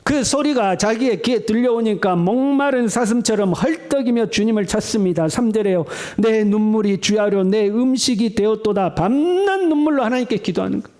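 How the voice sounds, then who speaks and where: A man's voice: high-pitched, expressive, moderate pace, a little mellow. A male pastor, preaching a sermon in a conversational style and acting out the voices of mocking people.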